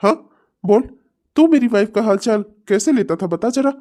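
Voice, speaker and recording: A woman's voice: on the high side, expressive, normal speed, dark tone, natural voice. Devesh, voiced by a woman, a sneering cartoon man. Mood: taunting. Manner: mocking and sly, sneering. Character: smug, taunting man getting revenge, later furious. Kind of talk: Hindi cartoon comedy voice acting.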